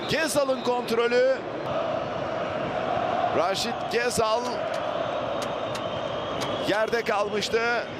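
A man doing live football commentary as an excited commentator who shouts out the goal calls. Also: very high-pitched, drawn-out words, pauses often. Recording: loud stadium crowd and noise. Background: roaring football stadium crowd.

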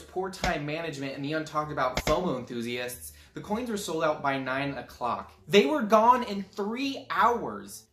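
A man telling a sarcastic, self-mocking story in a scripted comedy vlog, his pitch leaping all over the place. The recording is roomy and echoey, and faint music plays underneath. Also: fairly bright tone. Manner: sarcastic, self-mocking, swings into sudden mock outbursts. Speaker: YouTube creator.

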